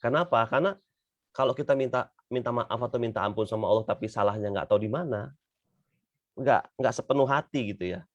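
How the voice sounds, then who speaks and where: Speaking a little fast in a mid-range voice, a male religious motivational speaker delivers a conversational Islamic talk to an audience. He often tags sentences with fillers, especially "gitu ya," and the dry recording has its highs cut off.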